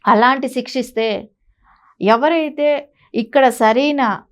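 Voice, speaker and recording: On a news talk show, a female political commentator with a fairly high voice speaks slowly. She delivers opinionated commentary emphatically and insistently, frequently posing rhetorical questions.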